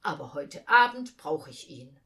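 A woman reading a storybook aloud, voicing a kind, secretive older man with a lowered, gruff voice. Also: very animated, measured pace, fairly bright tone, heavily acted. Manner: mysterious, gruff and hearty.

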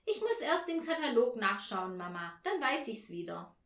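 A woman doing an eager little girl in an echoey room. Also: moderate pace. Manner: high, pleading, excited. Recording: roomy echo.

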